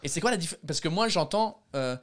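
Man, slightly higher voice, curious joking host. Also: lively intonation, a little fast. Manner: curious, joking, repeating phrases back. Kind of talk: casual chat.

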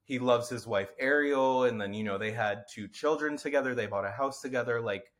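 A man's voice: medium pitch, a little fast, fairly bright tone. A man co-hosting a podcast in casual chat, rambling with lots of fillers and casual swearing, and a slightly nasal voice. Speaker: podcast co-host.

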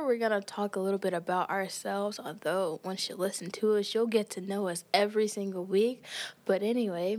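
A playful young woman in her twenties co-hosts a casual student podcast. Her voice sits at a middling pitch and she keeps the chat lively. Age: 20s.

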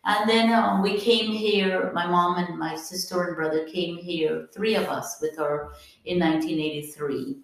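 A woman in her fifties, originally from Guyana, telling her life story as a podcast guest, earnest and reflective, pausing often. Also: lowish voice, fairly even intonation. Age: 50s. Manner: earnest, reflective, with many pauses and fillers. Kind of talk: personal storytelling interview. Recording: very echoey, from far off the mic.

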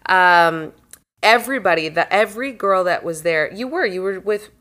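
A young woman co-hosting a casual chat, playful and quick with affirming interjections. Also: lowish voice, lively intonation, a bit bright. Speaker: podcast co-host.

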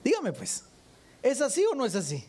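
A man preaching a sermon, animated and questioning his congregation directly. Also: very high voice, normal speed, slightly rough.

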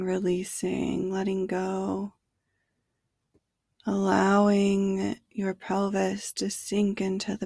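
A woman narrating a guided sleep meditation in a hushed, soothing bedtime manner that at times nears a whisper. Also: medium pitch, creaky, no room sound, studio quality. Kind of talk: sleep meditation narration, slow body scan.

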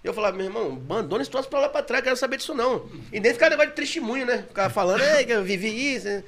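Excitable high-voiced Brazilian man telling stories. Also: very fast, creaky, a crowd in the background. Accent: Brazilian Portuguese. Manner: animated, laughing, gets louder and higher when excited. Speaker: guest telling his story. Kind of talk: casual storytelling in a podcast chat.

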